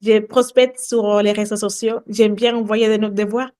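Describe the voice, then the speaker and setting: A woman's voice: mid-range voice, flat delivery, moderate pace, mellow. Spanish-accented woman, earnest sales trainer. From Latin America. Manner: earnest, repeats herself. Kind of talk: casual group training call.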